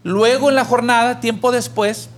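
A man's voice: extremely high pitch, moderate pace. A man, co-hosting a church podcast and telling a parable in a conversational teaching style. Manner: animated storyteller who raises his voice for the pleading character. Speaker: podcast co-host.

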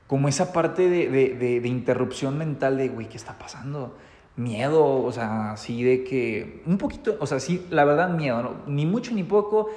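A man with a Mexican accent telling a story to his viewers, animated, with many fillers and restarts. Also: fairly high pitch, echoey room, long reverb tail. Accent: Mexican Spanish. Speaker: vlogger.

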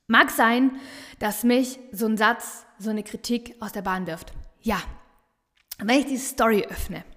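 Hosting a solo motivational podcast, a woman who works as a business coach talks energetically in a regional dialect, repeating phrases for emphasis. Her fairly high, bright voice keeps a measured pace and echoes with a big-room sound.

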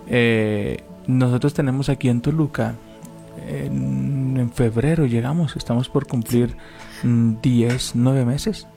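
Man, animated then prayerful. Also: mid-range voice, vocal fry. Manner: animated storytelling, slows into fervent prayer. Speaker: co-host and preacher.

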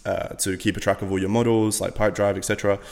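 Fast-talking man with a low voice. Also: little pitch movement, gravelly, darkish tone, big-room sound. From Latvia. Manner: rapid, rambling, swears casually, many fillers. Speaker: podcast guest, business owner. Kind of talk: casual podcast chat.

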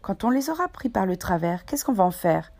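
A woman's voice: medium pitch, sing-song, brisk, gravelly, a little mellow. A woman reading aloud, voicing an eager young male pirate sailor asking keen questions. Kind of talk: audiobook character voice.

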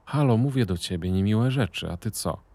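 A man doing a bored, sharp-tongued young woman in an audiobook. She complains quickly and bites off her words. The performer's own low, gravelly voice sits under the raised tone. The sound is dry. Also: no echo. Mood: irritated. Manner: complaining, quick, through teeth.

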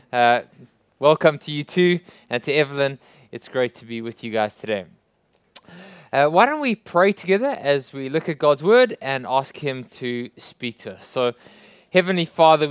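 A South African man, guest-preaching, opens with a prayer and then moves into teaching, sprinkling in friendly jokes. His voice is fairly high, bright and smooth, captured in a dry recording, and his emphasis rises on rhetorical questions.

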